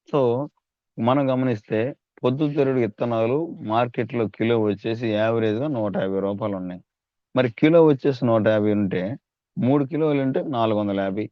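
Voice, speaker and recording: A man's voice: lowish voice, no room sound, dull audio. A man giving a persuasive sales training talk, calling on his listeners and asking rhetorical questions. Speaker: network marketing trainer.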